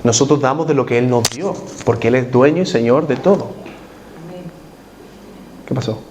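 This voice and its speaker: A man's voice: mid-range voice, moderate pace, a little mellow, a little hiss or hum. A man preaching a sermon as pastor in a church, putting questions to the congregation and repeating his key points.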